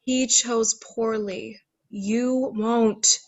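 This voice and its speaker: A woman acts out a heavenly female saint with a slightly high voice. She is serene and steadfast, guiding with solemn, measured assurance, as in a religious stage play. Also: steady tone, exaggerated voice. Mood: firm faith. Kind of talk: table-read stage acting of religious drama.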